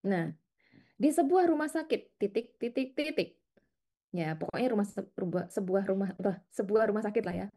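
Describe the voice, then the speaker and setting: A middle-aged woman runs an interactive class as lecturer, lively and chatty, coaxing her students to answer and laughing often. Her pitch is medium and her speed normal.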